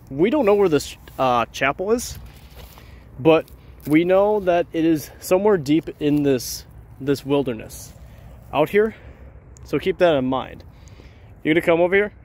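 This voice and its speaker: A man's voice: a little high, a little mellow. A man talking casually to his viewers as a vlog host, rambling and repeating phrases, recorded outdoors on a handheld camera. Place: outdoors at night on trails and roads.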